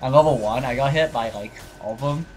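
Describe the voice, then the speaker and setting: A man's voice: mid-range voice, brisk, soft background music. A young man chatting casually while playing a game, laughing often and swearing now and then. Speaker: gamer playing and commentating. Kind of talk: casual gaming chat.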